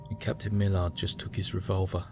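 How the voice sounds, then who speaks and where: A man voices a haunted young British soldier in the 1917 trenches, his tone low, somber and weary, with little pitch movement and a fairly quick pace. It's first-person diary narration for an audio drama, delivered in a reflective, dramatic way over dramatic background music.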